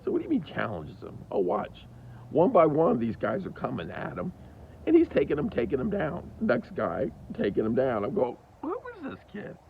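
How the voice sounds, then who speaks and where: Middle-aged man, gravelly low voice, very lively pitch, dull lo-fi recording, faint hiss. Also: normal speed. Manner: animated storyteller with big pitch jumps. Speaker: father telling his story. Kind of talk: candid personal monologue.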